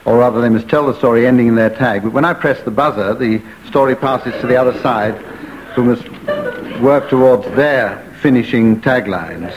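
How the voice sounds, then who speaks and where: A man chairing a radio panel game, explaining the rules in a dry, deadpan way. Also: mid-range voice, noisy background. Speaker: quiz show chairman.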